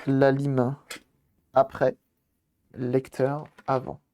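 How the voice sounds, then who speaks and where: A man's voice: mid-range voice, monotone, drawn-out words, mellow. A man casually commenting on a live stream while repairing a game console, thinking aloud and greeting viewers as they arrive.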